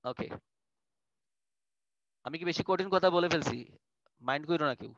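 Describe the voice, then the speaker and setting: A man's voice: a little high, moderate pace, fairly bright tone, dry recording, muffled recording. A man with a Bangladeshi Bengali accent teaching an online class, explaining in a chatty way and dropping in English phrases. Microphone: video call.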